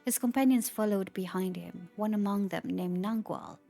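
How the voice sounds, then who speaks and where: A woman's voice: medium pitch, normal speed, vocal fry, mellow, faint music behind. A woman streamer reading game lore aloud, stumbling over words and breaking off to react.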